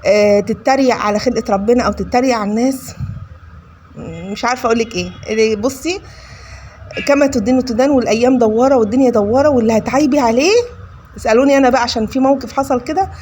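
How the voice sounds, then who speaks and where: A woman's voice: a little high, fast, pauses often, darkish tone, a little hiss or hum. A woman with an Egyptian accent, a cooking vlogger chatting casually to her viewers while she cooks, scolding and preachy, calling them her kids. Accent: Egyptian Arabic.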